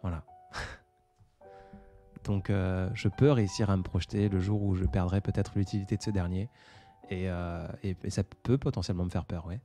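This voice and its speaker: Low mellow young man hosting a live chat. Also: steady tone, normal speed, pauses often, faint music behind. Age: 20s. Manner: hesitant, many fillers, reflective. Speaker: livestream host. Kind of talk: casual live chat reading viewer comments.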